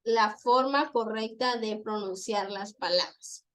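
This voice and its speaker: A woman teacher giving a classroom lecture, explaining patiently and repeating examples slowly. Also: fairly high pitch.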